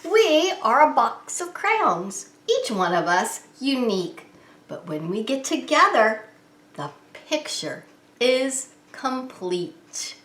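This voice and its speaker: With a high, sing-song, somewhat bright voice and a slow pace, a preschool teacher reads a picture book aloud at story time, explaining it simply and expressively to young kids. The indoor recording is roomy and echoing.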